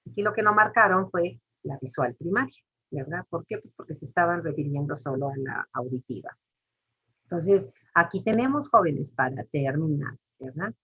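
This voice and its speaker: A woman's voice: sits low, expressive, moderate pace, bright, forceful tone, slightly rough. A woman, teaching a class step by step and putting questions to the students. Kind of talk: lecture. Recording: muffled lo-fi recording.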